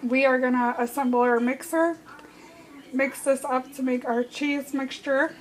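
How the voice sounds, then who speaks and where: Speaking a little slowly in a steady, high-pitched voice, a young woman who is losing her voice gives casual, step-by-step cooking directions to her viewers in a home kitchen. Dishes and cooking clatter in the background of the rough recording.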